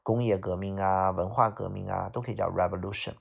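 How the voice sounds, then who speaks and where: A man teaches a vocabulary lesson. His voice is very low with a gravelly fry, and it sounds husky. He repeats each word and explains it patiently, with frequent "啊" fillers. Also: fairly even intonation, brisk, highs cut off. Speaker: English teacher.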